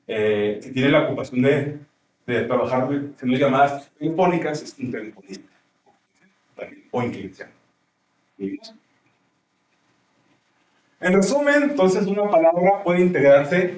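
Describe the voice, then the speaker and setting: This male teacher's voice is a bit high and a little mellow as he lectures on grammar in class. He explains points and keeps asking checking questions of his students, and the mic sits far off in a roomy classroom.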